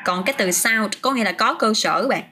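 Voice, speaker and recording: A woman's voice: mid-range voice, fairly quick, bright, forceful tone, a little hiss or hum. A woman teaching English vocabulary on a casual livestream, chatting, answering viewers' comments by name and often restarting her sentences.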